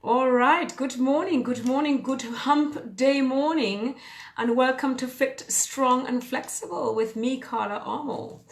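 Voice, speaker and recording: A fitness and mindset coach in her fifties chats upbeat and casually on a live stream, rambling with lots of fillers. Her voice is high-pitched and a little slow, and the phone or webcam gives it a roomy sound.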